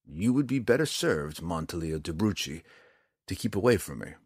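A man voicing a guarded, weary male dark elf who speaks flatly and tersely. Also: low-pitched, moderate pace, slightly rough, no echo, studio quality, full character voice. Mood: grave. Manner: flat, terse.

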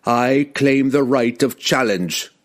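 Booming young barbarian warrior, slow and proud, voice goes high and wide, a man putting it on. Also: lively intonation, darkish tone. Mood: defiant.

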